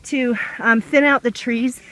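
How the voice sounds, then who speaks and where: Female vlogger, forward bright tone, chatting casually mid-race as she walks a trail, recorded outdoors on a handheld camera. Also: on the high side, steady tone, unhurried, a little hiss or hum, low-quality recording. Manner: talking while walking a trail race. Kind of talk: casual vlog chat.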